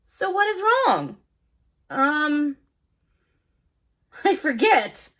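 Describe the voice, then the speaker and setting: A woman's voice: extremely high pitch, sing-song, takes it slowly, full character voice. A woman voicing a small, worried jellyfish sidekick in a children's storybook, unsure and fretful.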